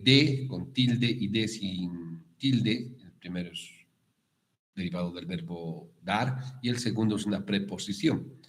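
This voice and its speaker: A man with a Bolivian Spanish accent giving a university prep lesson on written accents, explaining slowly with frequent fillers and self-corrections. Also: deep voice. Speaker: guest lecturer.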